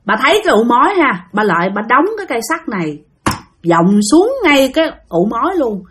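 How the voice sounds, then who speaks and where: Woman storyteller with a Southern Vietnamese accent, chatty and direct with her listeners, higher pitch. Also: big pitch swings, brisk, a bit bright, a little hiss or hum. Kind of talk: casual spoken storytelling.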